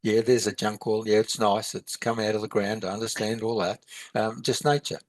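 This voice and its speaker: Halting man teaching spiritual ideas. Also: on the low side, level tone, dry recording. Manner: rambling, halting, with many restarts. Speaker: meditation and philosophy teacher. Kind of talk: conversational podcast teaching.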